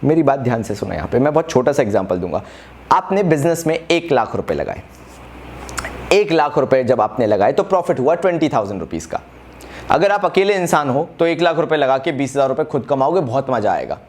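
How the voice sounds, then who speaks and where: A man teaching a fast exam-revision lesson in a brisk, direct way, urging students to write quickly and slipping English terms into casual speech. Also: mid-range voice, sing-song, a little mellow. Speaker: commerce teacher.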